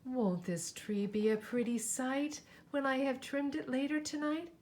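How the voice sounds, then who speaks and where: A woman's voice: high-pitched, steady tone, unhurried, a little mellow, voice pushed up. A woman voicing a sweet, fretful maid in a children's storybook, with a dainty manner. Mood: pleased. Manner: sighing, dainty.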